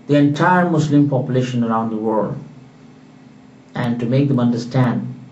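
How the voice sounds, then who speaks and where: A man's voice: medium pitch, normal speed, a little mellow. A man from Pakistan, an author giving an earnest, emphatic, repetitive talk about his book. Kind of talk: earnest solo talk to camera. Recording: roomy, distant, dull recording.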